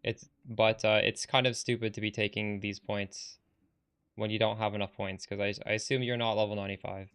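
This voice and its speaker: A man's voice: fairly low pitch, level tone, brisk, a bit bright, clean tone. A man live-streaming a game, talking bluntly and with some exasperation as he answers chat, swearing casually.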